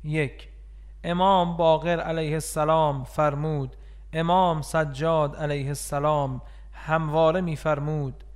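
Male reader, solemn devotional recitation, higher-pitched, clean resonant tone. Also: flat delivery, clear, resonant tone. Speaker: religious text reader. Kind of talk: solemn scripted reading.

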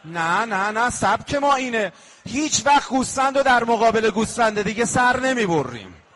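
A humble, eager butcher, as a high-voiced preacher puts him on inside a mourning sermon. He answers plainly and earnestly, in a voice that sits high. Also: big pitch swings, fairly bright tone, exaggerated voice.

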